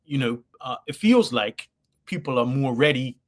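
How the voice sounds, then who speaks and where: A man's voice: mid-range voice, expressive, normal speed. A man from Bermuda with a Bermudian accent, an actor chatting as an interview guest and acting out bits of quoted dialogue as he tells stories. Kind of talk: casual conversational interview, anecdotal.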